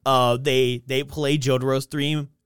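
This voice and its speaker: A man's voice: medium pitch, level tone, measured pace, a bit bright, clear, resonant tone, dry recording, clean studio sound. Emotional man gushing as a fan. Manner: emotional fan, trailing off, restarting sentences. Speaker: podcast co-host. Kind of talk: casual chat.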